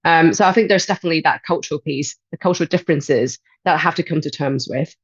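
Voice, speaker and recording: A woman in her thirties, originally from Hong Kong, talks through her experience as a podcast guest. She speaks in a steady, reflective way, often pausing to gather her thoughts. The sound is dry and a little muffled, like a modest remote setup. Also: low-pitched, breathy edge, no echo. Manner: thoughtful, measured, frequent "um". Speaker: guest, life and transition coach. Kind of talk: podcast interview.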